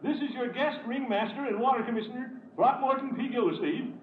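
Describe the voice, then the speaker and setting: A man's voice: very high voice, a little fast. An actor playing a pompous, blustery middle-aged male water commissioner in a 1940s radio sitcom, chuckling often. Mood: announcing. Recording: dull old radio broadcast, loud hiss.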